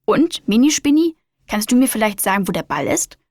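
A woman's voice: on the high side, very animated, a little fast, no echo, clean studio sound. A woman voicing a kind, patient male children's doctor in a storybook, encouraging and explaining.

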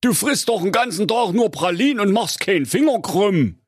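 A man's voice: sits high, lively intonation, moderate pace, slightly rough, no echo, clean studio sound, pitched above the performer's own voice. A man voicing a good-natured, henpecked digger driver in a spoofed fairy tale. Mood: grumbling. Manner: weary, grumbling, placating.

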